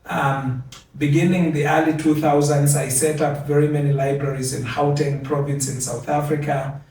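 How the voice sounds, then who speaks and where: Older man, from Kenya, formal acceptance speech, earnest, repeats phrases, slightly high pitch, far from mic, strong room echo. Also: level tone, a little mellow. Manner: measured, earnest, repeats words for emphasis. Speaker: award recipient giving acceptance speech. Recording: very echoey, from a distance.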